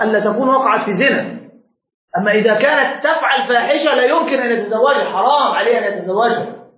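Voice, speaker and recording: A man's voice: very high voice, a bit bright. A man giving a classroom lecture as a religious teacher, quizzing his students with repeated questions. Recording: very echoey room, dull lo-fi sound.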